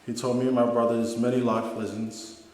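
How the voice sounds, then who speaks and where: A man's voice: mid-range voice, little pitch movement, normal speed, darkish tone. Young man speaking in a very echoey hall. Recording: very echoey hall with background noise.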